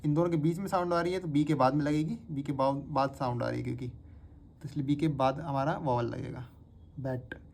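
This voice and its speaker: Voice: medium pitch, steady tone, fairly quick, creaky, darkish tone. A shorthand teacher giving a patient step-by-step spoken lesson and repeating each word aloud several times. The teacher records the lesson on a phone.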